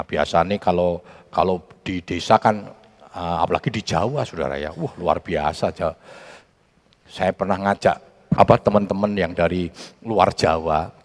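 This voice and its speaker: A male pastor with a Javanese accent delivers a lively sermon. His pitch swings widely as he tells stories and plays out what others said. The voice rings with the long echo of a church hall. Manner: animated storytelling, acting out quotes.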